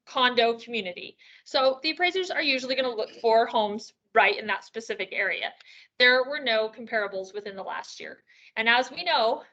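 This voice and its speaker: A woman's voice: a little high, sharp tone, muffled recording. A woman presenting at a real estate sales meeting, upbeat and chatty, a little out of breath, asking rhetorical questions as she walks through tools. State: slightly out of breath.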